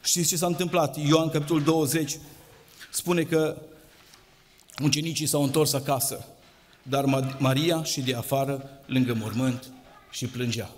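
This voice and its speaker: A man's voice: medium pitch, steady tone, pauses often. A man preaching a sermon in a church, with an impassioned, sing-song delivery that rises and drops. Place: church hall. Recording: long hall reverb.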